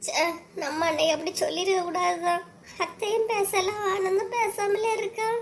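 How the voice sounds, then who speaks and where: A high, girlish-sounding village woman voiced by a woman for a cartoon, with a thick Kanyakumari Tamil accent. She gossips, scolds and teases her relatives in a quick, chatty way. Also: slight background noise, lightly acted. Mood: tearful. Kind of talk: cartoon voice acting.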